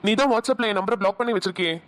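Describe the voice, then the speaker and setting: A woman voicing a teasing, easygoing young husband in a cartoon, speaking lower than her own voice. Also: fast, a little hiss or hum, lightly acted. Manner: teasing, chatty.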